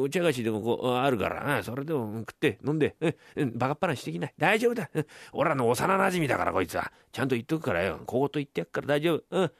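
A man's voice: medium pitch, no echo, studio quality. A man playing a chummy nosy neighbor. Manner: chummy, wheedling, then pushy. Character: nosy good-natured neighbor man, pushy friend.

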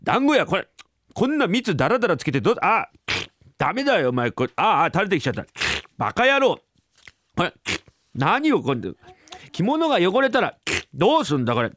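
A man voicing a short-tempered father in a rakugo story, grumbling and scolding in low mutters. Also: huge pitch swings, a little fast, pauses often, fairly bright tone, no room sound, heavily acted.

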